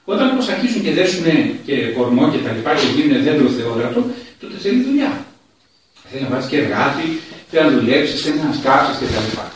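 A man's voice: medium pitch, big pitch swings, background noise. A man preaching a conversational sermon with wry humor, sometimes acting out the people he quotes. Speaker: priest. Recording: echoey room from a distance.

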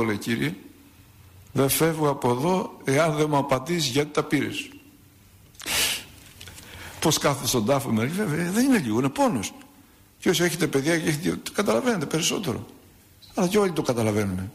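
A priest giving a sermon, telling a saint's story and acting out its dialogue, with rhetorical questions. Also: male voice, on the high side, creaky.

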